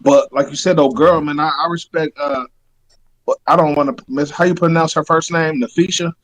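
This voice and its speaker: Slangy, higher-voiced man on a sports podcast. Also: moderate pace, highs cut off. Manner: slangy, animated, fillers like "like" and "bro". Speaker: podcast co-host. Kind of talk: casual sports talk.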